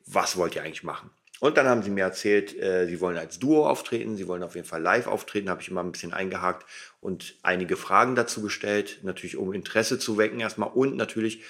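A man's voice: fairly low pitch, fast talker, fairly bright tone. A man hosting a casual, rambling solo podcast, informal and emphatic, his articulation slightly impeded by a dental retainer. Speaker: podcast host.

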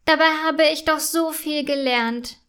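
A woman's voice: sits high, fairly even intonation, unhurried. A woman reading as a glum little schoolgirl. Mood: pensive. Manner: gently read storybook character voice. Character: unhappy young schoolgirl, sulky then cheerful.

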